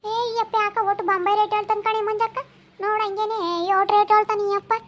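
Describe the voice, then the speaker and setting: Woman doing a shrill, nagging village woman. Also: monotone, highs cut off, background noise. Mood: haggling. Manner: nagging, rapid-fire scolding. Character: loud, scolding village woman haggling over vegetables. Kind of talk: comedy sketch acting.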